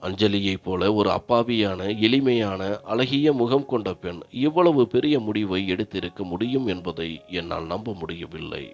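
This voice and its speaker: A man narrating a first-person story in a grave, steady manner. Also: fairly low pitch, measured pace, few pauses. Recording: dull lo-fi narration with faint music.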